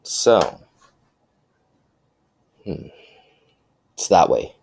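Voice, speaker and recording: A calm, self-assured young ninja swordsman, as a man telling the story puts him on. He talks in a low voice, relaxed and offhand, with a close, dry sound. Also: very slow, vocal fry, slightly rough, no echo, exaggerated voice. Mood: casual.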